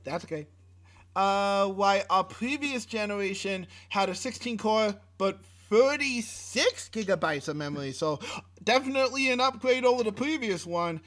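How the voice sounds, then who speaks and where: A man's voice: sits high, lively intonation, normal speed, fairly bright tone. A man co-hosting a casual tech podcast, reading specs with many fillers and restarts in a laid-back way. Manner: laid-back, swears mildly. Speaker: podcast co-host. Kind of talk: casual chat.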